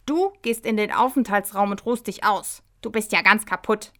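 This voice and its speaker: A woman voicing a brisk, bossy little male Christmas elf in a children's story. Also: medium pitch, a bit bright, natural voice.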